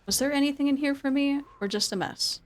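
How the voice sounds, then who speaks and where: A woman with a high-pitched voice streams a game, talking a little fast as she provides casual commentary. She chats informally with viewers and keeps repeating words and phrases.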